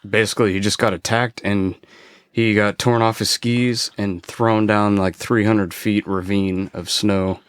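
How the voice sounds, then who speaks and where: A man on a podcast, a former forest ranger, casually telling a story with frequent swearing and halting restarts. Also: fairly low pitch, steady tone, smooth, dry recording.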